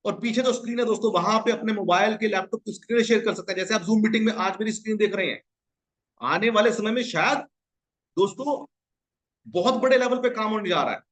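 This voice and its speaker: Speaking quickly with a fairly bright tone, a man pushes an online business in an energetic screen-share sales pitch, repeatedly calling out to his audience as his friends.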